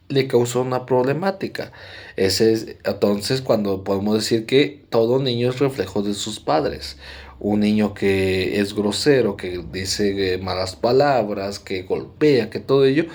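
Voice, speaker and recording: A man's voice: on the low side, darkish tone. Mexican man explaining psychology casually. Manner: conversational, frequent "¿no?" tags and fillers. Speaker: psychology presenter. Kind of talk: explanatory lecture.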